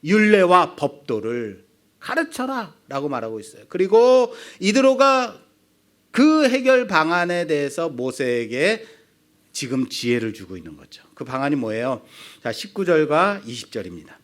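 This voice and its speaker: Animated high-voiced male pastor. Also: unhurried. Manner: animated, rhetorical questions to the congregation. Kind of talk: sermon.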